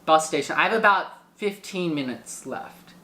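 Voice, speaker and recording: A man telling a travel story in casual chat, animated and full of filler words. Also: a little high, normal speed, echoey room, a little hiss or hum. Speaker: guest storyteller.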